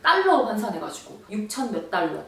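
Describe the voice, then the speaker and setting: A young woman vlogger telling a story in an animated, exasperated way, acting out quoted lines. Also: mid-range voice, fairly quick. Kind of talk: storytelling vlog. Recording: echoey room, voice from far off.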